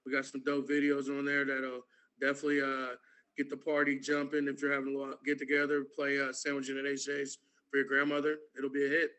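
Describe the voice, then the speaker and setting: A man's voice: medium pitch, monotone, fairly quick, bright, forceful tone, poor audio. A man co-hosting a casual podcast, talking in an easygoing, laid-back way. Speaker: podcast co-host.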